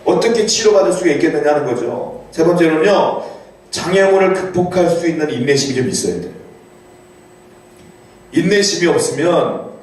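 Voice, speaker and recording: A man preaching a sermon as pastor, animated, reading scripture aloud and rising to cries for emphasis. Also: fairly high pitch, moderate pace. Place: church sanctuary. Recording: very echoey church hall, voice from far off.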